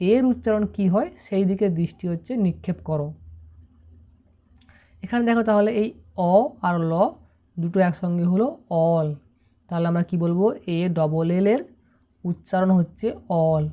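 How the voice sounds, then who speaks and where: Voice-over teacher, female, lowish mellow voice, patient and methodical. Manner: patient, step-by-step, often asks "see?". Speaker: English teacher. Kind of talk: explaining pronunciation to students.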